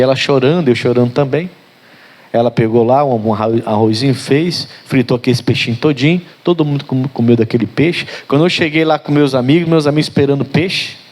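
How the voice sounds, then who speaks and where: A middle-aged pastor from Rio preaching in a fairly high voice. He tells stories from his life with deep emotion, dropping low and soft and then surging high and loud. His talk is colloquial and he keeps calling out to his listeners. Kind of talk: sermon with personal storytelling.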